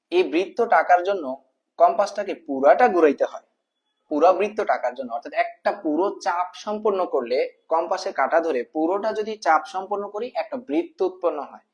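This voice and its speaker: Repetitive math tutor, slightly high. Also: male voice, lively intonation, fairly quick, dull audio. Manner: repeats terms as questions to the viewer, calling them brother. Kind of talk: casual spoken lesson.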